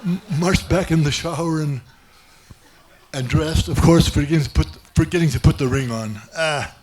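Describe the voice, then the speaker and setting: A man's voice: on the high side, normal speed, a little mellow, slight background noise. A man doing stand-up, telling a rambling self-mocking story with many restarts. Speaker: stand-up comedian. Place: comedy club stage.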